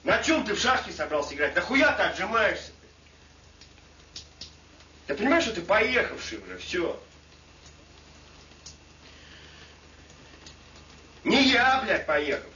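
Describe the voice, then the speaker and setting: Guy playing a screaming, swearing soldier, bright sharp tone, heard from a distance. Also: sits high, big pitch swings, moderate pace, pauses often, heavily acted. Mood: mocking, angry. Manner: shouting, swearing constantly, mocking. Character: furious foul-mouthed male captive soldier. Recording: echoey lo-fi room from afar with faint noise.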